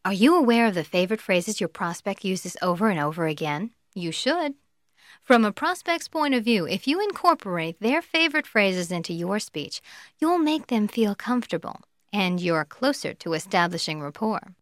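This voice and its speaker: A woman's voice: medium pitch, lively intonation, normal speed, no echo, studio quality. A woman giving an instructional talk on sales rapport, playful and given to acting out the voices she describes, with a light laugh between points. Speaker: sales trainer.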